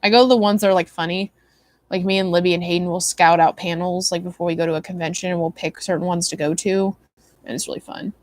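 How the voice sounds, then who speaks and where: A woman's voice: on the low side, steady tone, fast, a little mellow, no room sound. A tired young woman chatting casually with her stream viewers, rambling with many likes and ums. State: tired, yawning. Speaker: livestream host.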